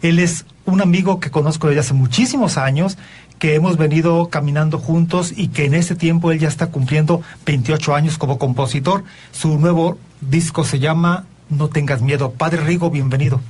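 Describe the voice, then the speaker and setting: A Mexican priest hosts a talk show in a husky, slightly breathy voice. He sits a little higher in pitch than most men. His manner is earnest and preachy, and it grows animated when he makes a point. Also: normal speed. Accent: Mexican Spanish. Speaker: priest and radio show host. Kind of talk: radio talk show conversation.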